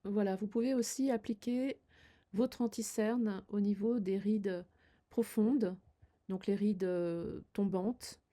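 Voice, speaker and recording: With a mellow, medium-pitched voice and a steady tone, an older woman takes her time as she shows viewers her makeup routine. Her tutorial advice is warm-hearted yet tentative, peppered with fillers.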